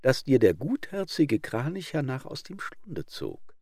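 A man's voice: medium pitch, very animated, measured pace, darkish tone, slightly rough, dry recording, studio quality, voice pushed up, exaggerated voice. A man voicing a sly male fox who speaks with sarcastic mockery in a fable. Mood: mocking.

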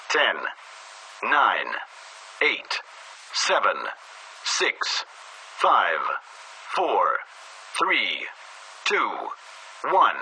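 An actor playing a calm, procedural male mission control operator, heard over a sci-fi radio communicator and calling out a formal launch countdown. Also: medium pitch, exaggerated voice. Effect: sci-fi radio communicator transmission. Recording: faint hiss, distant radio transmission.

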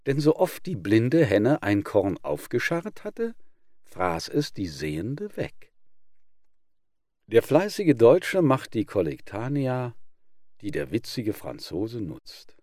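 A man reading old fables aloud in a measured, expressive narration. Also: medium pitch, dry recording, clean studio sound. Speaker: audiobook reader.

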